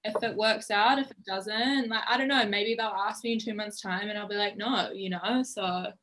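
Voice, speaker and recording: A young woman with a strong New Zealand accent chats casually as a podcast guest. Her voice is bright and forceful, and she laughs easily and fills her talk with "like". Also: mid-range voice, steady tone, moderate pace, a little hiss or hum, rough recording. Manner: chatty, laughs often, leans on "like". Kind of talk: casual interview chat.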